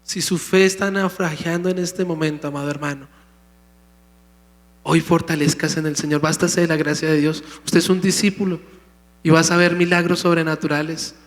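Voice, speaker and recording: A sermon rings through a church sanctuary as a pastor with a slightly high voice addresses his congregation emphatically, calling out to them. He keeps a level tone at normal speed, and a long hall reverb follows each phrase.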